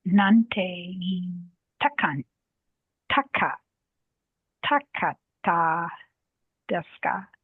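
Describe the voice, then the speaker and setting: A woman's voice: on the low side, slow, pauses often, slightly rough, dry recording. A woman student practicing Japanese phrases in an online class. She hesitates and restarts phrases. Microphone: video call. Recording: tinny dry call audio.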